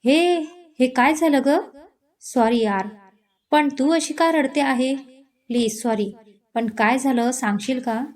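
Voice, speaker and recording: A woman's voice: a little high, measured pace, darkish tone, close to an everyday voice. A woman voicing a teasing, outspoken young woman who is a loyal friend, in a storybook reading. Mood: worried. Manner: playful then indignant.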